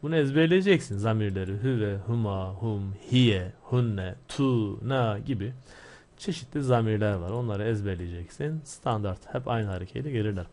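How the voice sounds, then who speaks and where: A man teaching an Arabic grammar lesson, explaining step by step and asking and answering his own questions. He reads Arabic phrases slowly, then explains them quickly. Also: fairly low pitch, darkish tone.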